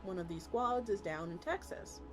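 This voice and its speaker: This woman, a VTuber streamer, reads a story with feeling at normal speed and medium pitch. Occasional stumbles make her restart lines, and music runs under her voice throughout.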